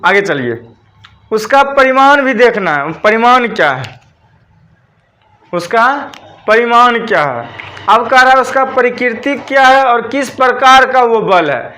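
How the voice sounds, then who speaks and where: Slow, bright-voiced male teacher. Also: very high voice, expressive. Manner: repeats key terms as questions for students to echo; dictating notes slowly. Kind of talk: classroom physics lesson.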